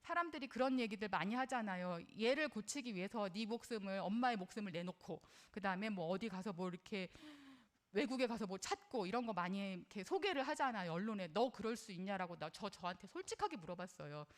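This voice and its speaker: A woman's voice: medium pitch, animated, brisk. Middle-aged woman, parenting lecturer, earnest and conversational, asks her audience questions. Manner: personal, shares her own experience as a mother.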